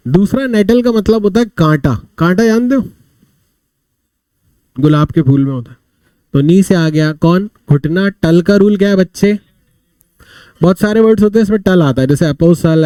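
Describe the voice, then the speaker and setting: In this live online vocabulary class, a man explains words through short stories and asks and answers his own questions. His voice is a little high and mellow, and the recording is dry.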